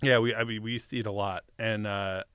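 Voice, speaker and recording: A man's voice: fairly low pitch, fairly even intonation, brisk, fairly bright tone, clear, resonant tone, no echo, clean studio sound. A man in a casual interview, telling stories as the guest in a rambling, profane, slangy way. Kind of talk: casual chat, storytelling.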